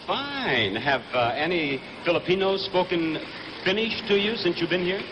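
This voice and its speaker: Man, pageant host, chatty interviewer, high bouncy voice. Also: expressive, normal speed, big-room sound, muffled recording, background noise. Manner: chatty, prompting with questions. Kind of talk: live broadcast interviewing. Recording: archive TV broadcast with loud music.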